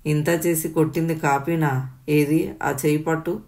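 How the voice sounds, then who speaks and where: A woman voicing a furious, abusive middle-aged father who yells and sneers at his family. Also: sits low, steady tone, unhurried. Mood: raging. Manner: yelling, sneering and scolding.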